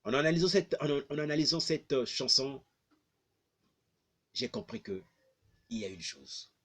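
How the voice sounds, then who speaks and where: A man with a Congolese French accent speaks to his viewers in a slow, deliberate address. His pitch rises and falls widely, and his voice has a slightly husky edge. He hammers home each point by repeating it. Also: lively intonation, a bit bright. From Republic of the Congo. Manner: emphatic, repeating phrases for stress. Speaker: blogger.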